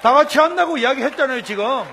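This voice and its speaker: Pastor guy, really high voice, lively storytelling sermon, echo from a big church hall. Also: quick pace, vocal fry, slight background noise. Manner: lively storyteller, acts out quoted speech, leads congregation in song. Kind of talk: humorous testimony sermon. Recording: long hall reverb.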